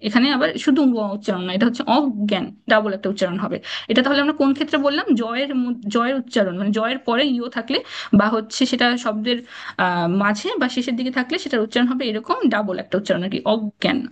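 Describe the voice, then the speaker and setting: Fast-talking woman teaching a lesson. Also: fairly high pitch. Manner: fast, chatty, checks in with "right?" often. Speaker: online exam-prep teacher. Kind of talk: live lecture on Bangla pronunciation rules.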